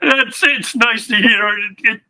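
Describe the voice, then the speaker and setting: A man hosting an interview as a newspaper editor, appreciative and quick to laugh. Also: extremely high pitch, poor audio. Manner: warm, appreciative, laughs easily. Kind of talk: interview host.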